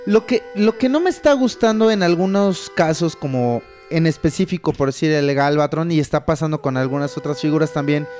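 Over soft background music, a man with a fairly high, slightly mellow voice talks briskly, hardly pausing. He co-hosts a podcast in a Mexican Spanish accent, keeping the chat relaxed and slangy and dropping "güey" all the time.

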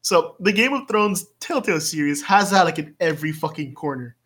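A young woman from the Philippines co-hosting a casual podcast, blunt and relaxed with casual swearing. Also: deep voice, fairly quick, crowd noise. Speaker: podcast co-host.

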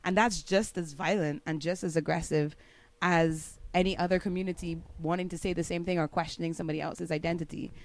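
A woman from Barbados with a Barbadian accent, a podcast guest explaining at length in casual conversation, often laughing and getting animated. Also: lowish voice, fairly quick.

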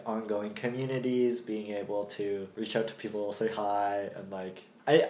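A man's voice: on the low side, a little hiss or hum. A young man rambling in casual chat as a podcast co-host, with lots of fillers and frequent laughs. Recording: echoey room.

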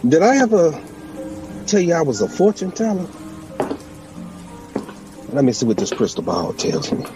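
A smug, threatening male crime boss plays at being a fortune teller in an audio drama. His pitch swings with lively, taunting emphasis, and music plays clearly behind him. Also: normal speed, distant mic, low-quality recording. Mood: mocking menace.

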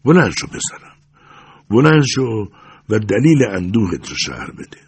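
A man voicing an old, weary monk in an audiobook, speaking in a muffled, soft, mild voice. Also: lowish voice, big pitch swings, husky, no echo, exaggerated voice. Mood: kindly. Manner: quiet, mild. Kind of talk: audiobook character voice.

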